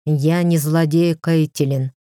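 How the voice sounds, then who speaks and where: A woman voicing a smooth, scheming male kidnapper in an audiobook, calm and persuasive. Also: low voice, slow, dry recording, clean studio sound.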